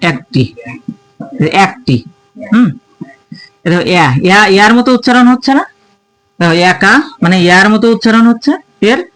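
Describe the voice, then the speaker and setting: A man from Bangladesh teaches grammar to students in an easygoing, colloquial manner, his voice sitting high and sounding fairly bright. The recording has no echo, and he repeatedly stresses key terms while supplying the answers to his own questions.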